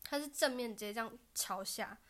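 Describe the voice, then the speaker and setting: A young woman chats casually as a podcast guest. Her voice sits fairly high, and she tells her stories with animation, breaking into loud cheers at herself. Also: brisk. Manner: animated storytelling, bursts of laughter and loud self-cheers. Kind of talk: casual chat.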